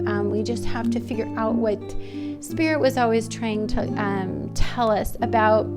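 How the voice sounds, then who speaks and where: A woman with a cold and a nasal voice, reading tarot cards in a casual vlog and rambling with many fillers. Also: on the high side. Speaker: tarot reader.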